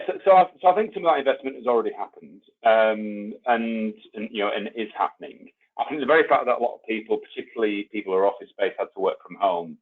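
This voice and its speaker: A man's voice: low-pitched, breathy edge. A man speaking as a panelist in an online webinar, thoughtful and hedging with frequent ums and restarts. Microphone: video call. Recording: tinny phone-like line.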